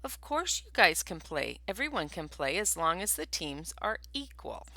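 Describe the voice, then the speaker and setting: A woman voicing a small, brave female mouse in a storybook, with a high, earnest, squeaky voice. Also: big pitch swings, moderate pace, pushed and bright, no echo, heavily acted.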